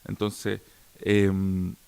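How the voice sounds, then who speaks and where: Young Chilean man giving a workshop talk, halting and unhurried, deep fry in the voice, light tape hiss. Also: completely flat delivery, mellow. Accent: Chilean Spanish. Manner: hesitant, many fillers and restarts. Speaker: workshop speaker. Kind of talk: hesitant informal talk to an audience. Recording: faint hiss behind the voice.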